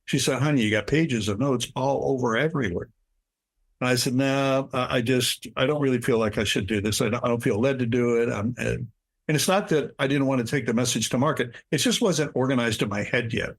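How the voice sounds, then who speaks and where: A man's voice: fairly quick, rough recording. An older man, a guest speaker and author, telling stories in an interview and acting out quoted lines with big jumps in his voice. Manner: animated storyteller, acts out quotes with big pitch jumps. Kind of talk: storytelling interview chat.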